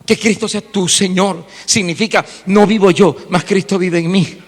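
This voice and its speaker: A male pastor preaching an animated sermon, firing off rhetorical questions and mimicking church members. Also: high-pitched, normal speed. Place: church hall. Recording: long church reverb.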